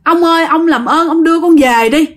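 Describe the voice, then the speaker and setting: A woman's voice: very high-pitched, a little fast, voice pushed up. A woman voicing a frightened young woman who pleads for help over and over. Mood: frightened pleading. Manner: pleading, repeating herself.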